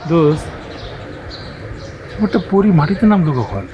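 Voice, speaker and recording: A man's voice: a little high, sing-song, a little slow, highs cut off, noisy background. An actor playing a spoiled, lovestruck young man who pleads restlessly with his mother in a TV drama. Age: young adult. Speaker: lovestruck son. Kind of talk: TV drama acting.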